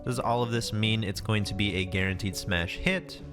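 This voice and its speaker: With music running underneath, this man previews games for YouTube in a lowish voice at a moderate pace. His scripted commentary is casual and wry, peppered with the occasional swear word.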